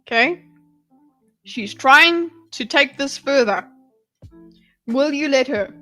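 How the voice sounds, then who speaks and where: A woman's voice: high-pitched, animated, slow, pushed and bright, faint music behind. A woman hosting a livestream, reacting to a debate clip with blunt, exasperated, pleading asides and some swearing. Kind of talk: casual reaction commentary.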